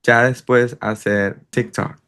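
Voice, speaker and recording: A man's voice: medium pitch, flat delivery, a little slow, a bit bright, clear, resonant tone. A man hosting a casual interview. He speaks little, mostly short prompting questions and brief murmurs of agreement. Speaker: host and interviewer.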